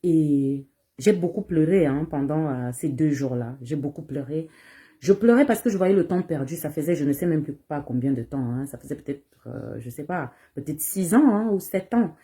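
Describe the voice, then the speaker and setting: A woman's voice: sits low, animated, moderate pace, warm tone. A woman singer with a Cameroonian French accent, speaking to her audience in an emphatic, repetitive way, asking herself rhetorical questions. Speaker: bikutsi singer. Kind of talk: casual direct-to-audience address.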